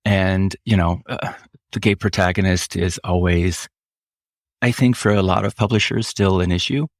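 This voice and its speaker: A deep, gravelly male voice from Switzerland, a native German speaker, answers interview questions as an author guest. He speaks in a steady tone, measured and reflective, often slowing down and using frequent fillers. The studio recording is clean, with no room sound.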